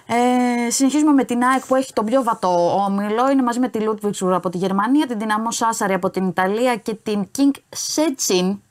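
A woman sports journalist co-hosting a casual show, reading through results calmly with some hesitations. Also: on the high side, hardly any pauses. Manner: calm, matter-of-fact news rundown with some hesitations.

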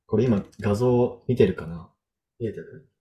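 A man with a fairly low, mellow voice hosts a podcast in a relaxed chat. He thinks aloud as he talks and leans on loose fillers. His delivery stays easygoing and conversational. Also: measured pace. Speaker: podcast host.

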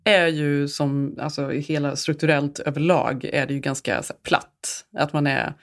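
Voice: medium pitch, little pitch movement, gravelly. A young adult podcast co-host in casual chat, enthusiastically recommending things.

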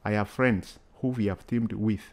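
Male charity worker as interview guest, Kenyan accent, lower-pitched voice, earnest delivery with emphatic repetition. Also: steady tone, normal speed. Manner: earnest, emphatic, repeats phrases. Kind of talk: interview answers.

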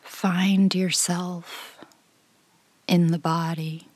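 In an unhurried guided meditation, a female guide gives slow, calm instructions with long pauses. Her low, level voice is soft and breathy, frequently nearing a whisper, and the recording has no echo.

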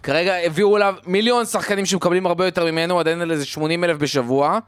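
Man explaining football calmly. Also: sits high, smooth, no room sound, clean studio sound. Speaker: podcast co-host. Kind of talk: casual football chat.

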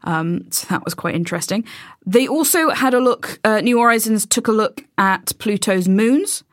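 A woman's voice: on the high side, normal speed, no room sound, clean studio sound. A woman explaining space science in casual chat, with many ums and restarts.

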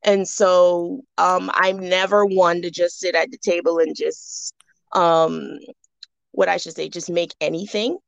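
A fairly low, gravelly woman's voice from the Bahamas, recorded dry and close. She is a young guest talking casually on a podcast, thoughtful and full of "um"s and restarts. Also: steady tone, a little slow, no echo, muffled recording. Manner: reflective, many fillers and restarts.

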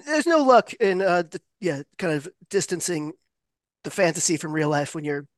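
Hesitant, halting man interviewing, higher-pitched voice. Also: animated, no room sound. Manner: hesitant, halting, repeats words. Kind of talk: casual interview chat.

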